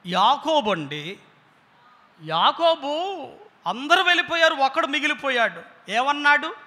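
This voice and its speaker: A pastor, preaching an impassioned sermon and firing rhetorical questions at the congregation. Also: male voice, extremely high pitch, very animated, a little slow, sharp tone. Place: church hall. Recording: long church-hall reverb.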